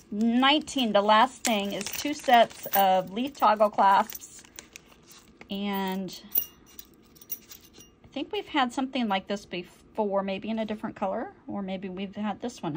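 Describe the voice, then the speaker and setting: A woman's voice: medium pitch, slight background noise. A woman chatting through an unboxing, easily delighted and often apologizing for slips. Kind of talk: casual unboxing chat.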